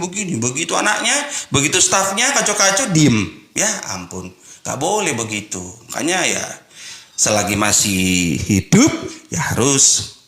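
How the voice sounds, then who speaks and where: A male pastor giving a lively, conversational sermon, mixing exhortation with slangy asides. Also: fairly high pitch, reverberant.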